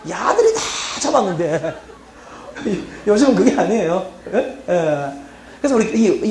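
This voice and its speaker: A middle-aged man from the Gyeongsang region with a Gyeongsang accent, giving a humorous university lecture and checking on his students with quick "eh?" asides. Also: sits high, a little mellow. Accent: Gyeongsang Korean. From South Korea, Gyeongsang region. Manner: chatty, teasing, checks the audience with frequent "예?" and "어?". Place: lecture hall. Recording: roomy hall with faint background noise.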